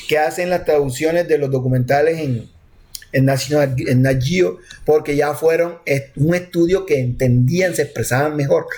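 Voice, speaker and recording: A man's voice: on the high side, darkish tone. Chatty Colombian coastal man teaching. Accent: Colombian coastal Spanish. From Colombian Caribbean coast. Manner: chatty, joking, with restarts. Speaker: programming instructor. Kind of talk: online class talk.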